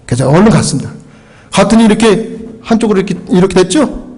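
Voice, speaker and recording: A man's voice: high-pitched, expressive, fast talker, darkish tone, husky, poor audio. A middle-aged man from Korea preaching as a pastor, telling a story and acting out the dialogue, sometimes switching into English phrases. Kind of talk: sermon storytelling.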